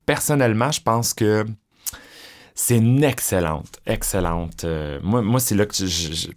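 A man's voice: lowish voice, a little slow. A middle-aged man with a Québécois French accent, chatting as an interview guest and telling stories with lots of fillers. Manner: chatty, animated storytelling with many fillers. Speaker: drag performer, guest. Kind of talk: conversational interview.

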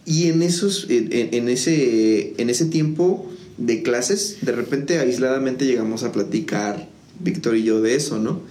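A man's voice: mid-range voice, unhurried, warm tone. A man, a music school founder, telling his story in a casual interview with many fillers and restarts. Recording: echoey room with faint noise.

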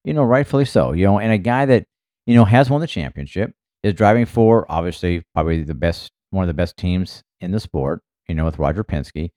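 A low, dark-toned man talks casually on a podcast. He rambles and leans on "you know" constantly. His voice sounds dry and close, with no room echo. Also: animated, fairly quick. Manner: rambling, filler-heavy, many "you know"s. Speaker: podcast co-host, former racing team member.

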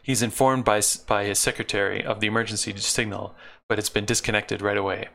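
A man with a low, gravelly voice walks through an episode plot in a relaxed recap, stopping for dry, sarcastic asides. His tone has a sharp, forceful edge. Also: a little fast. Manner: wry sarcastic asides between plot summary.

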